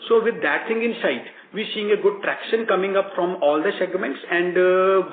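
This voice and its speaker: A man speaks in a high register, walking analysts through figures on a conference call. His voice comes through a tinny, echoey phone line with faint noise behind it. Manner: halting, explanatory, rephrases mid-sentence. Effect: heard over a conference call line. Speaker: bank executive. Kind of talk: answering analyst questions on an earnings conference call.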